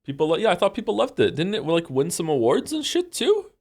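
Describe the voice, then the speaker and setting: A game streamer of around forty chats casually on a live stream, his voice congested, rambling through many fillers and restarts in a low-key, mildly self-mocking manner. He speaks briskly, with pitch swooping wildly.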